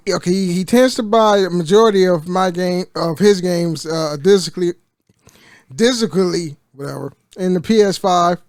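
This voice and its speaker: Rambling high-voiced man chatting casually. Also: no echo, clean studio sound. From United States. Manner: rambling, halting, with many restarts and fillers. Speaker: gaming vlogger. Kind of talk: casual chat, reading an article aloud. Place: at a desk with his TV and console.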